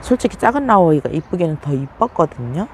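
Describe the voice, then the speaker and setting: A woman's voice: sing-song, fast, a little hiss or hum. A woman casually narrating a tour of her succulents, chatty and exclaiming over them. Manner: chatty, exclaims over her plants with sudden high gasps. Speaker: succulent plant vlogger.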